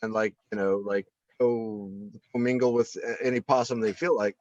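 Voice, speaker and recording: A man's voice: on the low side, steady tone, a little mellow, no echo. Rambling man, dry lo-fi sound. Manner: halting, full of fillers and restarts. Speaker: panelist. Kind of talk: rambling deadpan comedic banter.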